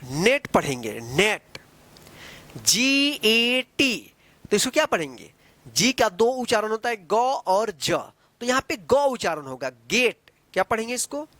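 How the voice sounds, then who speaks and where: A woman's voice: mid-range voice, sing-song, normal speed, fairly bright tone, dry recording. A woman teaching English phonics, spelling words letter by letter, asking what they read and repeating each answer. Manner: drills words, repeats and asks the class. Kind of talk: classroom phonics lesson.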